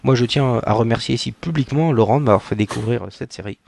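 A man's voice: medium pitch, quick pace, vocal fry, a little mellow, slight background noise. A man co-hosting a casual podcast, jumping in emphatically. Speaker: podcast co-host.

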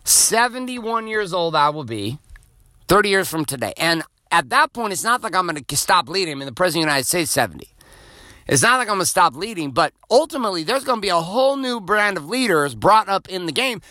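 A man's voice: sits high, sing-song, a little fast, sharp tone, no room sound, studio quality. A man in his forties hosting a podcast, giving a blunt, profane motivational monologue. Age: 40s. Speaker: podcast host.

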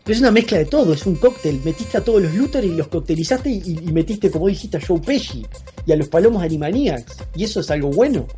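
A podcast co-host in casual banter, animated and incredulous, hesitating with many fillers. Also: mid-range voice, fast talker, soft background music.

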